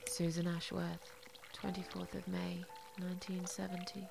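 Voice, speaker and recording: An actress voicing a weary, defiant middle-aged woman patient in a video game, with a gravelly voice. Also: fairly low pitch, completely flat delivery, moderate pace. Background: game music.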